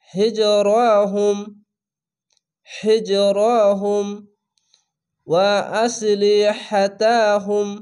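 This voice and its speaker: A man with a notably high voice leads a step-by-step Quran reading lesson. He draws recited words out at a very slow pace, then drops into plain, patient explanation of each reading rule. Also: dark tone.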